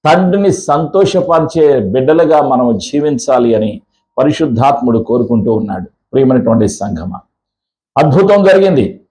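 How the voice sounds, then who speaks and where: Male preacher, church sermon, mid-pitched, hammers points with questions and drawn-out repetitions. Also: lively intonation, warm tone, rough recording. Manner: drawn-out slow phrases in series. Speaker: pastor.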